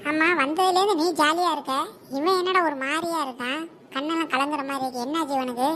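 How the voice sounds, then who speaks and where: A woman's voice: high-pitched, quick pace, fairly bright tone, a little hiss or hum. A woman voicing a cheeky, boastful schoolboy in a cartoon, with a Kanyakumari Tamil accent. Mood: curious. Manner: mocking, boastful. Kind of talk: cartoon voice acting.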